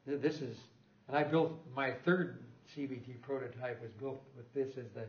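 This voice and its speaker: In a lecture room, an older guest lecturer on loudspeaker design delivers a loose technical talk, wandering off track and fixing his own slips with little chuckles. He has a mid-range voice with fairly even intonation and a moderate pace, captured on a muffled recording.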